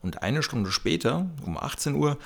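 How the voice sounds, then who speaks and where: Gravelly Austrian male narrator. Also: mid-range voice, big pitch swings, normal speed. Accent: Austrian German. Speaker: narrator and announcer. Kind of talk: scripted narration and announcements.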